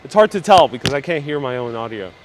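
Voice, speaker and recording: Speaking fast with lively intonation in a mid-range voice, a man leads a live walking tour through city streets, chatting casually and answering viewers politely. A mask slightly muffles him, and his clip-on body mic catches the street noise and passing cars of the outdoor stream.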